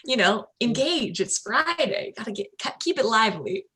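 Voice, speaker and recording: A woman's voice: a little high, very animated, moderate pace, bright, forceful tone, husky. A woman hosting a video call, upbeat and welcoming as she greets arriving guests. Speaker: event host.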